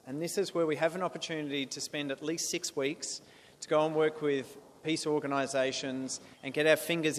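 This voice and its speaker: An Australian man from South Australia in his thirties, giving an earnest talk to a club with frequent restarts and fillers. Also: a little high. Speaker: guest speaker. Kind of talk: presentation to a club. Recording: echoey hall with faint noise.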